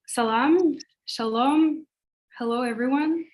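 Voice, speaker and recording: A woman from Georgia moderating a live online panel, speaking in a measured, formal way with frequent pauses. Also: sits high, darkish tone. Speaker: moderator and co-founder of the network.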